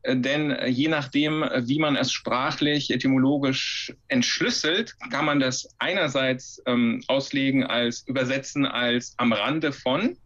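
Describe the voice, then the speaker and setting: A man's voice: mid-range voice, a little slow, few pauses, fairly bright tone, lo-fi sound. A man from Ukraine, a historian answering interview questions with many fillers and restarts. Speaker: historian guest.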